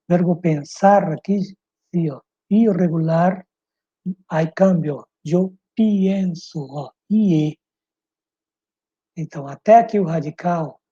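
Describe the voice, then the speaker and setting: A man with a Brazilian Portuguese accent teaching a Spanish lesson over slides, slow and methodical, spelling out letters and repeating words. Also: a little high, warm tone, breathy edge. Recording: muffled lo-fi recording.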